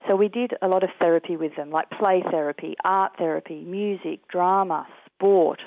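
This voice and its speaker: An Australian man, a guest in an interview, telling his experiences in an earnest, measured way. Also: high-pitched, steady tone, gravelly, no room sound. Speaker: guest, peace activist. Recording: tinny dry phone line.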